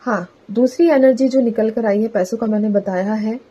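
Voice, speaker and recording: Chatty woman reading tarot, mellow voice. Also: a little high, moderate pace, lo-fi sound. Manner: chatty, repeats "theek hai" as a filler. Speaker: tarot reader. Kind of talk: casual collective tarot reading.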